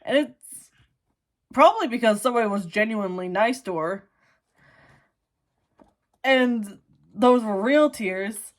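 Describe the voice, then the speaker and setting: Book vlogger, female, Minnesotan accent, slightly high voice, slow and chatty. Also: animated. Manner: chatty, laughing, full of "like" and "you know". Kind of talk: casual book review chat.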